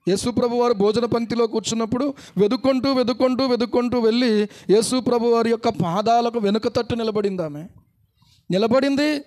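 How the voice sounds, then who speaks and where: A man's voice: high-pitched, darkish tone. A pastor from India preaching a sermon, repeating his points and pressing the congregation with rhetorical questions.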